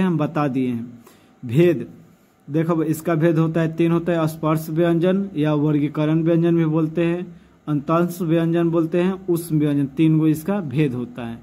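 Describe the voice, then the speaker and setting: A man teaching in a relaxed, conversational way, speaking. His voice is mellow and sits a little high, and he often stops to ask questions and go over points again. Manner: addresses students affectionately, repeats and asks questions. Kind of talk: casual classroom explanation.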